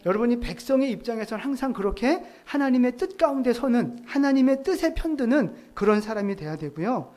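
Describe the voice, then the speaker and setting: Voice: medium pitch, lively intonation, brisk, hardly any pauses, a little mellow. Korean pastor preaching conversationally. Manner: conversational preaching with rhetorical questions to the congregation. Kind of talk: sermon. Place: church sanctuary.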